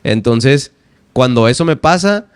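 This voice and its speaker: A man's voice: mid-range voice, measured pace, smooth, dry recording. A man in his twenties with a Mexican accent, a poet and teacher, talking in a casual podcast interview, acting out his own quoted lines as he tells stories. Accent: Mexican Spanish. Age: 20s. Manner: animated storyteller who acts out his own quoted lines. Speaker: guest poet and language teacher.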